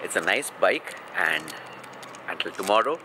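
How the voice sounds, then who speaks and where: A cycling vlogger in his forties, with an Indian English accent, talks to a handheld camera at arm's length in a casual vlog, explaining things step by step. His lowish voice is animated at a moderate pace, with an echoey room and noisy background as he moves between a hotel room, a car and a street at night.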